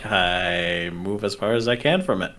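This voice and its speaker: A man's voice: deep voice, a little slow, a loud crowd. A man playing a tabletop game, talking casually and matter-of-factly about his character's moves.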